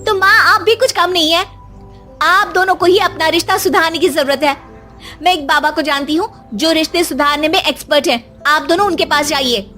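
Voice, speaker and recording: A woman voicing an exasperated young daughter in a cartoon, pleading loudly on the phone. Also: very high-pitched, brisk, soft background music, voice pushed up.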